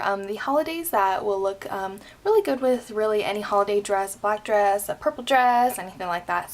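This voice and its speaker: A woman's voice: on the high side, creaky. A young woman talking through a makeup tutorial in a chatty, rambling way, full of ums and likes. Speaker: beauty vlogger.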